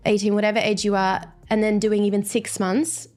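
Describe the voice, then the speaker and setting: Soft music plays under a mid-range, slightly mellow female voice that moves fairly quickly with a level tone. She's an Australian dancer in her twenties, a guest in a relaxed interview, reflective but upbeat.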